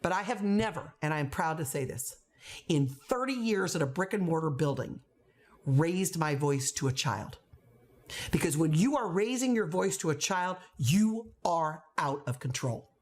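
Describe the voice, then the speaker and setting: A woman's voice: low voice, lively intonation, normal speed, a little mellow. A woman in her fifties, a veteran teacher, giving classroom advice straight to camera, emphatic and repeating words for stress. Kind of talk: direct-to-camera teaching talk.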